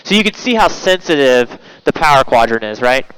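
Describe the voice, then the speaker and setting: Guy flight instructor, smooth clear voice, calm step by step coaching in the plane. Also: medium pitch, a little fast, rough recording. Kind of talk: flight instruction in the cockpit, talking a student through maneuvers. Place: small airplane cockpit in flight. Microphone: aviation headset intercom.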